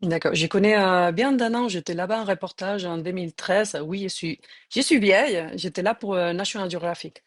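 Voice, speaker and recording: A woman's voice: on the low side, moderate pace. A middle-aged woman from Spain with a Spanish accent, hosting a live-streamed interview in a hesitant way, with many fillers and restarts. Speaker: host, journalist.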